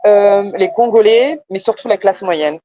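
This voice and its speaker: A French woman with a Parisian accent, receiving coaching, chats about her business with hesitations and emphatic repetitions. Her mid-range voice moves a little slowly, and the recording is dry and muffled.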